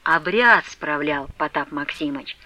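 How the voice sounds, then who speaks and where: A woman narrating a classic novel as an audiobook in an expressive storytelling manner. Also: low-pitched, measured pace, no room sound, low-quality recording.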